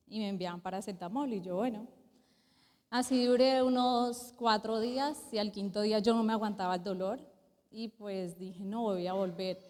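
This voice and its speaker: A woman's voice: mid-range voice, a little mellow. A woman giving a personal testimony at church, speaking hesitantly with many fillers and an emotional retelling. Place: church hall. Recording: long church hall reverb.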